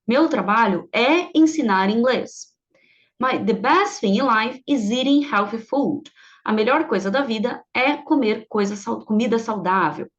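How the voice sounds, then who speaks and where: A native Portuguese speaker with a slightly high voice teaches an online English grammar lesson. She goes through each rule step by step, often pausing to make sure the class is following. The recording sounds a bit dull and lo-fi.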